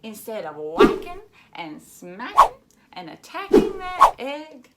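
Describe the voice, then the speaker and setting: The recording is very noisy as a woman with a slightly high voice slowly reads a children's picture book. She's animated and emphatic, chatting to the young listeners with questions and asides.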